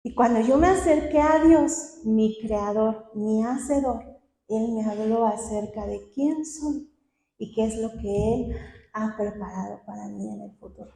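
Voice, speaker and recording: A woman's voice: on the high side, a little slow, gravelly, warm tone, roomy sound. A young woman giving an earnest personal testimony at a church meeting, laughing now and then between phrases. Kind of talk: testimony talk.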